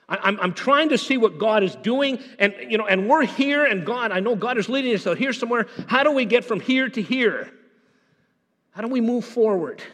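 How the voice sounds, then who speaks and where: A man preaching a sermon as pastor, animated, often repeating words and dropping to a hushed intensity. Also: sits high. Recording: long hall reverb.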